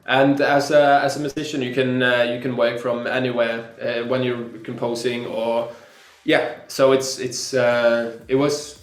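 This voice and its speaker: Halting young Norwegian man. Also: medium pitch, level tone, reverberant. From Norway. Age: young adult. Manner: halting, many fillers. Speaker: band musician, guest.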